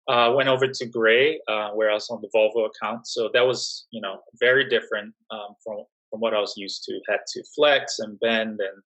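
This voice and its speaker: A young adult man from Singapore, speaking as a guest in a casual interview, relaxed and full of fillers and restarts. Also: on the low side, poor audio. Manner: relaxed, many fillers and restarts, laughs softly. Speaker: job-seeking guest.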